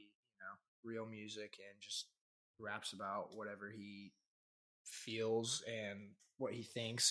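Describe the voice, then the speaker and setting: With a medium-pitched, fairly bright voice, a twenty-something podcast host from Kansas runs a laid-back chat, talking loosely and filling it with many fillers.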